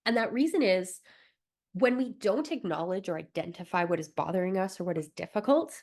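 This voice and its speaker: Here a young Albertan woman with a medium-pitched, somewhat dark voice talks fairly quickly while presenting a recorded wellbeing workshop. Encouraging in her coaching, she adds small laughs and fillers.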